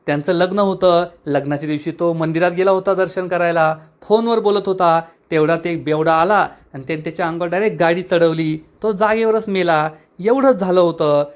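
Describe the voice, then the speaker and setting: A man voicing a brash, impatient young servant woman who complains in a whiny, hurried way. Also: sits high, close to an everyday voice. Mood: irritated nagging.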